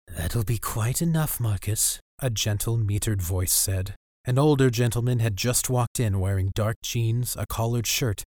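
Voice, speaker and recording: A man narrating a story aloud in a steady storytelling manner. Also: fairly low pitch, dry recording, clean studio sound. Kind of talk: audiobook narration.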